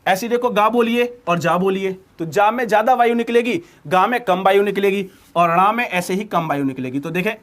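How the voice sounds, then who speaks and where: A man teaching an exam-prep grammar lesson, drilling students by asking a question and then repeating the answer. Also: high-pitched.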